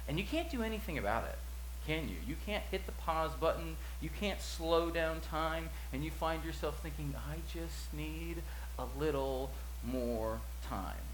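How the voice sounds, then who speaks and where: A man in his forties preaching a sermon, telling a story with acted-out quotes and swings from loud to hushed. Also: a little high. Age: 40s. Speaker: pastor. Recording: echoey room with faint hum.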